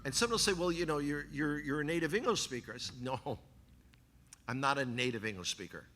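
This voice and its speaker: This New Yorker with a Bronx accent, once a tour guide, is the guest speaker at a church hall, giving a sermon-style talk into a handheld microphone. His voice sits on the high side and moves briskly, and he's animated, cracking jokes with the congregation.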